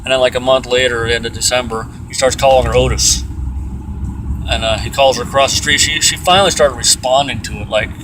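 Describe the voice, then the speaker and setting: A man's voice: fairly even intonation, quick pace. A man on an angry, exasperated swearing tirade, venting explosively in a casual personal rant. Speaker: aggrieved pet owner venting. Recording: distant mic, loud fan and outdoor rumble. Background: air vent fan, vehicle-like ambience.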